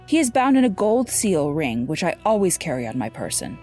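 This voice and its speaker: A woman voicing a calm, persuasive male sorcerer in a measured, courteous storybook reading. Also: on the low side, faint music behind.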